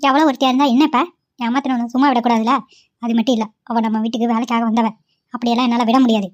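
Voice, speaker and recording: A woman voicing several village women in a cartoon, with quick, chatty banter. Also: on the high side, level tone, a little mellow. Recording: dull lo-fi audio.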